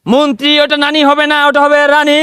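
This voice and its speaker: A man's voice: very high-pitched, level tone, fast, sharp tone, a little hiss or hum. A man playing a pompous, hot-tempered king in a comic skit, bellowing commands. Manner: blustering, bellowing royal commands.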